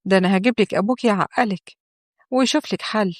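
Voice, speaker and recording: A woman's voice: mid-range voice, fast, no echo, natural voice. Woman reader doing a dismissive, soothing Egyptian mother for a storybook tale, dry recording. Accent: Egyptian Arabic. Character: middle-aged mother, fussy and dismissive.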